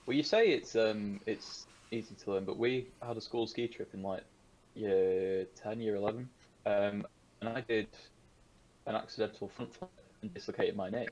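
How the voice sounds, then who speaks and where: A young man with a lowish voice joins the podcast over a video call. He talks casually and tells long, rambling stories to his friends. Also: normal speed, darkish tone, low-quality recording. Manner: rambling anecdotes. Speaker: podcast co-host. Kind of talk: casual storytelling.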